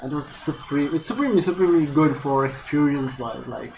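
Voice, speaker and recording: A young Indian man, a student and YouTube vlogger, rambles through a casual unscripted vlog chat, interrupting himself and swearing casually. His voice is a little high, a little fast and a little mellow, with vocal fry, and he's in a small bare room indoors where rain and other noise can be heard.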